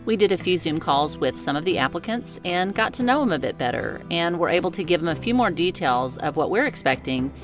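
A woman narrating a vlog voice-over in an excited, stoked way. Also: lowish voice, a little fast, hardly any pauses, over music.

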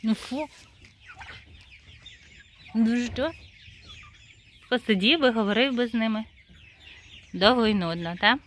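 A chatty woman talks over her yard birds with a fairly high voice, laughing often. Faint clucking and rooster sounds sit in the background of this phone-camera outdoor recording. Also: takes it slowly, long pauses, a bit bright, slight background noise. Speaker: poultry-keeping vlogger. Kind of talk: casual vlog chat while tending birds.

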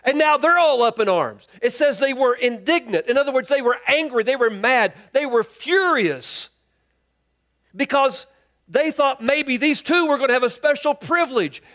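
A man preaching a sermon as pastor, acting out the people in the passage with lively voices and dropping to a quiet, earnest tone for his key points. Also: extremely high pitch. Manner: animated storytelling, acts out the people in the text in quick lively voices. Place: church sanctuary.

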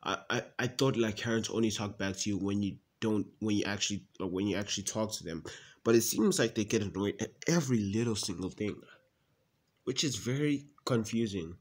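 In a homemade comedy sketch, a man voices a self-absorbed young brother. He rambles defensively and packs his talk with fillers. The voice sits slightly low. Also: brisk, close to an everyday voice.

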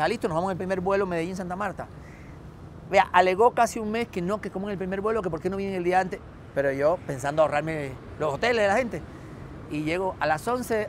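Fast-talking Cuban man telling stories. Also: a little high, a little hiss or hum. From Cuba. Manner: animated anecdotes, acting out dialogue. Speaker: guest, author and humorist. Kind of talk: storytelling interview.

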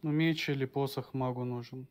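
A man's voice: medium pitch, fairly even intonation, normal speed. A man playing an online game, talking casually with his raid group over voice chat. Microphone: voice chat microphone. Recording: noisy voice chat with clicks.

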